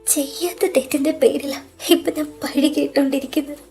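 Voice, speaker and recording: A loyal, wronged younger sister in an audio drama, voiced by a woman, high-pitched, soft and breathy, close to tears. Faint music plays under her voice. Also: little pitch movement, fairly quick. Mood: tearful hurt. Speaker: voice actor in fan audio drama.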